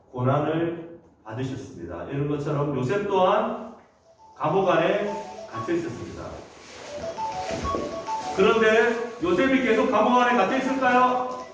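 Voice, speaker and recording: A man's voice: a little high, slight background noise. A man leading a children's sermon, telling the story and asking the children frequent questions. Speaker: children's worship leader. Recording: echoey church hall from a distance.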